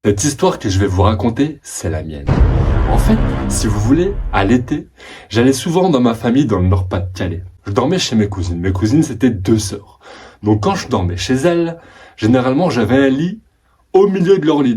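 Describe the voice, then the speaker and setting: A young French man casually telling his own scary story to his viewers, dramatic and animated. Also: medium pitch. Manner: animated, dramatic retelling with rising excitement.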